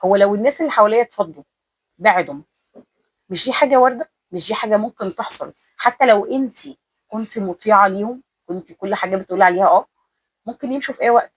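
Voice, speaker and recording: A woman's voice: medium pitch, husky. A woman in her thirties with an Egyptian accent, earnestly giving advice to women viewers in a casual vlog. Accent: Egyptian Arabic. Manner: earnest, repetitive, speaks straight to the listener. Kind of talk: casual motivational talk to the viewer.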